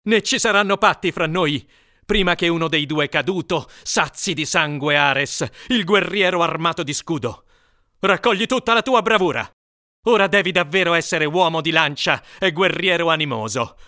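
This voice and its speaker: A man playing Achilles, fierce and scornful. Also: sits high. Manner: forceful, scornful delivery. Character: wrathful Greek hero warrior, fierce and scornful. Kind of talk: dramatic epic reading.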